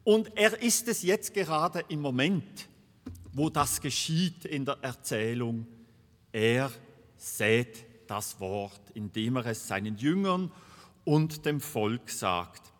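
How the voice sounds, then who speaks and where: A man preaching a sermon in a slow, deliberate way, repeating key words for emphasis. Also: mid-range voice, expressive, fairly bright tone. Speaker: pastor. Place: church. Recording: long reverb of a church hall.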